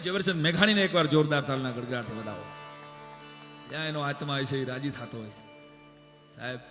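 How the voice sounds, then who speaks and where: A man who tells folk stories on stage. He chants verse in a loud, rhythmic way, then drops into joking chat. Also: a little high. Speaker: folk storyteller and stage humorist. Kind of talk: live stage storytelling with recited folk poetry. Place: stage before a live audience. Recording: roomy live hall with faint music.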